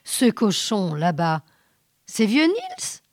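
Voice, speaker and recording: A woman's voice: medium pitch, huge pitch swings, slow, darkish tone, no echo, clean studio sound, exaggerated voice. Woman putting on a stubborn ship captain. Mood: indignant. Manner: insistent, exasperated. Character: gruff male ship captain, stubborn and quick-tempered.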